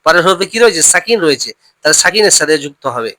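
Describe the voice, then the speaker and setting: A man teaching Quran reading, drilling syllables slowly one by one in a spelling-out lesson with a Bengali accent. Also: fairly high pitch, animated, bright, forceful tone, dry recording. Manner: slow, drawn-out syllable drills.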